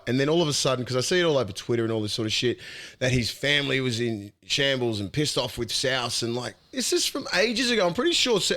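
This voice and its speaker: A man's voice: medium pitch, fairly bright tone. An Australian man hosting a casual sports chat, blunt and heated, swearing freely. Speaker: podcast host.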